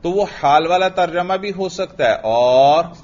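A man leads a grammar lesson at a slow, deliberate pace. He repeats key phrases and keeps checking the class with questions. The recording is dull and muffled. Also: sits high, a little mellow, slight background noise. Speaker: teacher of Arabic grammar.

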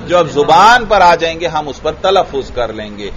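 Man, teacher, classroom grammar lesson, quizzes students, slightly high voice, muffled lo-fi audio. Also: very animated, fairly bright tone. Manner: questioning students, repeating answers. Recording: dull lo-fi recording.

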